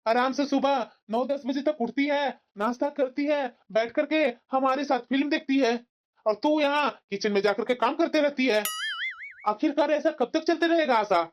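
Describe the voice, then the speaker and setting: A woman's voice: sits high, normal speed, soft background music, close to an everyday voice. A woman voicing a stern older father-in-law in a cartoon, who lectures and disapproves. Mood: lecturing. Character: stern, grumbling older father-in-law, protective of his wife. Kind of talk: cartoon voice acting. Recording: slightly dull lo-fi audio.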